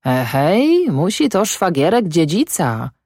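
Woman doing a gruff rustic peasant man. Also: fairly low pitch, big pitch swings, slow, no echo, studio quality, pitched above the performer's own voice, exaggerated voice. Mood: amused muttering. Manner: rustic dialect speech, grumbling, shouting at times. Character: excitable middle-aged male peasant farmer, rustic.

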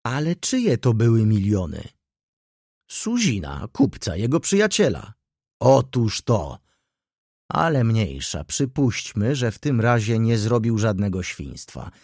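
A man's voice: lowish voice, very animated, slow pace, a little mellow, no room sound, clean studio sound, exaggerated voice. A man voicing an indignant older male councillor who fires off heated rhetorical questions, in an audiobook reading.

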